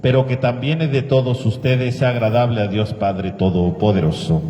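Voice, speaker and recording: A man's voice: medium pitch, fairly even intonation, normal speed, crowd noise. Man praying Mass in cathedral echo. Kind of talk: solemn liturgical prayer at Mass. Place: large reverberant church indoors. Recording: echoey church with long reverb.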